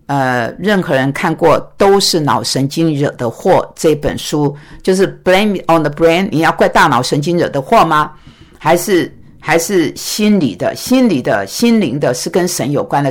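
A pastor and teacher, speaking at medium pitch, gives a recorded talk to a congregation. He tells a story with stammered restarts and acts out the dialogue.

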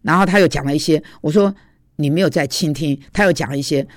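A man's voice: on the high side, fast, no echo, studio quality. A man who teaches at a seminary and preaches, giving an informal devotional talk in a confessional storytelling way with frequent hesitations.

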